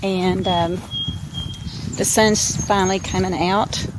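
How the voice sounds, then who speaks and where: An older woman with a gentle Appalachian accent talks unhurriedly into a close handheld camera. She is outdoors in a rural yard, and outdoor noise sits clearly behind her voice. Her pitch is in the middle range. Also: little pitch movement, poor audio. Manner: chatty, folksy, unhurried. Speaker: vlogger. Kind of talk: casual vlog talk to camera.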